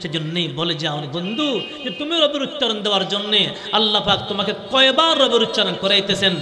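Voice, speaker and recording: A man's voice: high-pitched, expressive, a little fast. A man preaching a Bengali sermon, drawing the audience into call-and-response with rhythmic repeated phrases. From Bangladesh. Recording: echoey hall with long reverb.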